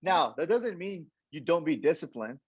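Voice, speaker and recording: A young man tells his story in a lively, animated way and slips into the voices of the people in it. His voice is dry and close with a slightly dull, muffled tone. He talks in a casual interview style. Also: a little high, normal speed, breathy edge, dry recording. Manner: animated storyteller, acts out quoted dialogue, many restarts. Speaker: entrepreneur coach, guest.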